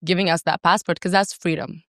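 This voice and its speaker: An entrepreneur raised in Saudi Arabia appears as a podcast guest, speaking casually and with self-assurance and emphatic delivery. Her voice is fairly low and steady, her pace brisk, and the studio sound clean with no echo.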